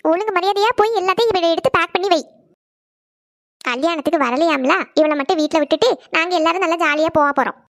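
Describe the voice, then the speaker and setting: A fussing, scolding cartoon mother, as a woman puts her on. She scolds quickly in a clear, high voice. The recording is dry and close. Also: no echo. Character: scolding worried middle-aged village mother. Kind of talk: cartoon voice acting.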